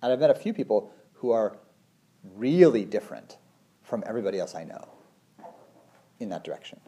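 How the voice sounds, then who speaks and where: In a mellow, mid-range voice, a man in his forties who teaches meditation talks casually and thoughtfully, wandering as he goes and filling his speech with "you know" and "like."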